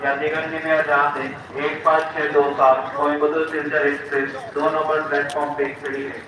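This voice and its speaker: A man making a formal, measured train announcement over a railway station loudspeaker on a busy platform. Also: on the high side, flat delivery. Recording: distant loudspeaker, loud station noise. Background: crowd and platform noise.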